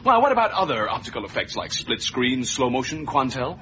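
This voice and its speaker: A man's voice: medium pitch, big pitch swings, a little fast, natural voice. An actor playing a prim android man newly turned human, talking in a fussy, formal way as a robot faking human ways. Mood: puzzled. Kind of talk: sitcom acting. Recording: dull TV sound with audience laughter and noise.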